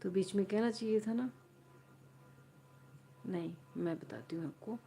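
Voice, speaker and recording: A woman on a live stream tells a story in a slow, unhurried way. She often repeats a line or corrects herself mid-sentence. Her voice is soft and mellow. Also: mid-range voice, gravelly, a little hiss or hum. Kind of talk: casual storytelling to a live audience.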